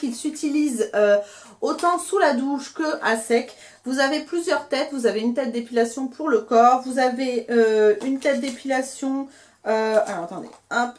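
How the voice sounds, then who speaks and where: Young woman, beauty vlogger, casual haul chat, fairly high voice, lots of fillers and restarts. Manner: chatty, hesitant, many fillers and restarts. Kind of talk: casual product haul review.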